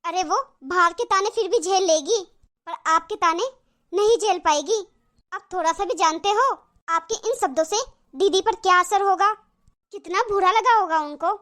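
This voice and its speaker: A woman's voice: very high voice, normal speed, fairly bright tone. A woman voicing a young, caring daughter-in-law in a cartoon, speaking earnestly and reassuringly. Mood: pleading. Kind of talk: cartoon voice acting.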